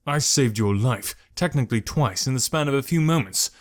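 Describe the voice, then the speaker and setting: A man voicing a calm, curt young male archer in an audiobook, speaking dry and clipped. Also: mid-range voice, quick pace, dry recording, voice pushed up, lightly acted. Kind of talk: audiobook character voice.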